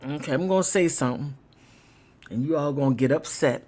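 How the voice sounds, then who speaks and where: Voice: medium pitch, a little fast, a little mellow. A livestream host giving rambling, emphatic political commentary in a casual way, sometimes laughing mid-sentence.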